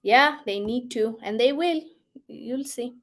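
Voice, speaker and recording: A woman hosting a casual chat show, reading out viewer comments and reacting in an expressive way, often laughing and moving between soft and excited tones. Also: a little high, slow. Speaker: host.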